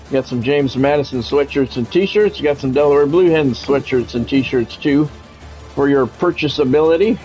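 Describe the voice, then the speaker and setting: Calling the action of a football video game on a live stream, a man talks at a moderate pace in a medium-pitched, slightly mellow voice. He mixes sports commentary with plain, grumbling chat, over faint music in a rough recording.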